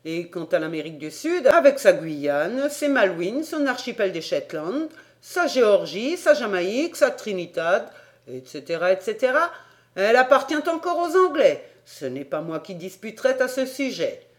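Excitable french geographer guy, read by a woman, loud fussy outbursts, pitch jumping all over. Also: normal speed, lightly acted. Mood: excited. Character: excitable middle-aged male French geographer.

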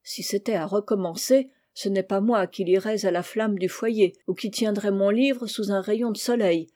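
A woman's voice: medium pitch, normal speed, dark tone, natural voice. A woman reading the lines of a moody, rueful young man in an audiobook, in a sulky tone. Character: moody, gloomy young male cousin.

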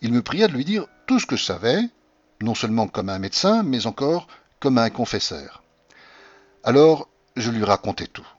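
Husky guy reading an old novel out loud, lively pitch, dull lo-fi sound. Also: moderate pace, dry recording. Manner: expressive storytelling reading. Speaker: audiobook narrator. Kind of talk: scripted literary narration. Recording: dull lo-fi audio.

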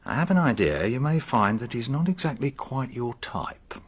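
An actor playing a busy, matter-of-fact police inspector in a radio drama, reporting in clipped, businesslike phrases. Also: male voice, medium pitch, very animated, normal speed, breathy edge. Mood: grim, businesslike.

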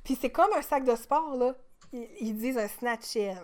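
A woman's voice: on the high side, moderate pace. Chatty woman with a Saguenay Québécois accent. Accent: Saguenay Québécois French. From Saguenay, Quebec. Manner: animated, chatty, lots of fillers and restarts. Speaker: podcast co-host. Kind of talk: casual live-stream chat.

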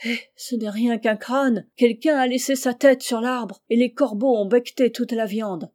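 A simple, earnest old servant calls down answers and plaintive protests, as a woman reading the story voices him. Her voice is slightly higher than her narration and soft in tone. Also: steady tone, normal speed, natural voice.

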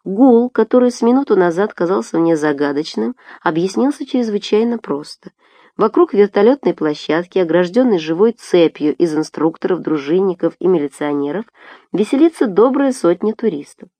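Woman narrating an audiobook, low and dry. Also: expressive, normal speed, warm tone, no room sound. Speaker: audiobook reader.

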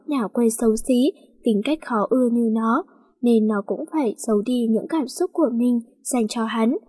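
Role: narrator. Sex: woman. Style: storybook reading, steady and flowing. Sound: fairly high, husky, dry. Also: no room sound.

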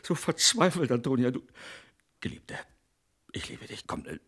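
A stammering jealous husband. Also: male voice, mid-range voice, big pitch swings, moderate pace, gravelly, fairly bright tone, slightly rough, heavily acted. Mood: pleading. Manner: stammering, repeats "du". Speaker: actor. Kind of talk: radio play acting.

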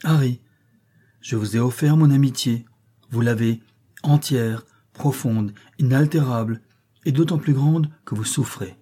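A brave young hero speaks earnestly in a warm, vibrant voice, as a male narrator reads him. The voice is mellow and slightly husky. It is an audiobook reading. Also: mid-range voice, steady tone, normal speed, lightly acted. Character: brave young Frenchman, loyal friend.

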